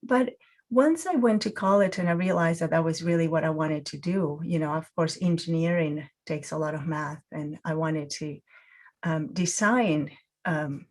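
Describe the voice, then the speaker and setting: A reflective woman from Peru gives a guided mindfulness talk in a low, darkish voice at a moderate pace. Her teaching includes many fillers and restarts.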